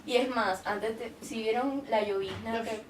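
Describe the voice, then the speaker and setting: A woman's voice: fairly high pitch, unhurried, a crowd in the background. A woman telling her testimony in a casual, chatty way, often repeating herself. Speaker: church member giving testimony. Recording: roomy, mic at a distance, faint room noise.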